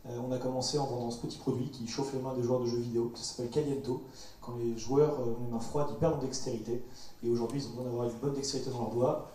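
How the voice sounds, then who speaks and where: Panel speaker: man, 20s, from Paris, quick chatty storyteller, dark mellow tone. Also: medium pitch, flat delivery, slight background noise. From Paris, France. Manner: chatty storyteller with light jokes. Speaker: startup founder on a panel. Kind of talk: casual panel talk. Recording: roomy hall mic from far off.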